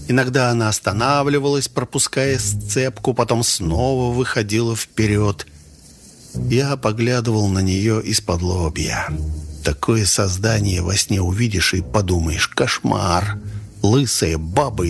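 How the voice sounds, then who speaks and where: A man reading a first-person audiobook in a wry, sardonic manner. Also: lowish voice. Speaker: audiobook narrator.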